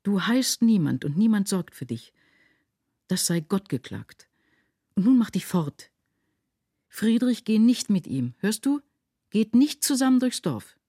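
A woman's voice: mid-range voice, sing-song, measured pace, pauses often, mellow, no echo, studio quality, voice pushed up. A woman reading aloud, voicing an anguished, poor widowed village mother who speaks urgently and vehemently.

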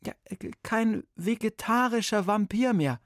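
A man's voice: high-pitched, animated, unhurried, no room sound, clean studio sound, voice pushed up. Man voicing a stammering young boy vampire. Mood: flustered. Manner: stammers and repeats words. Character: nervous stuttering boy vampire.

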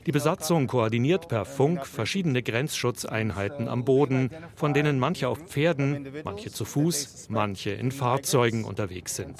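A male news narrator reading a scripted report. His voice sits at a middling pitch, and he keeps a steady, measured delivery throughout. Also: a crowd in the background.

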